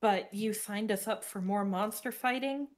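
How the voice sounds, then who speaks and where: A woman's voice: medium pitch, moderate pace. A woman playing a tabletop game, hesitant and questioning as she speaks. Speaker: player. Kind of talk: tabletop role-play.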